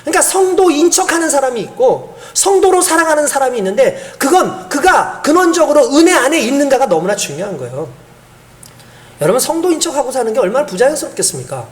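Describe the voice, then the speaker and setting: A male pastor preaches an earnest, emphatic sermon, putting rhetorical questions to the congregation and chuckling now and then. His voice sits high.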